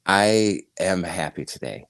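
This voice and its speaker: Male guest, extremely deep voice, hesitant and thankful, dry sound. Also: animated, measured pace, gravelly, dry recording. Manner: grateful, soft-spoken, hesitant. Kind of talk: interview answer.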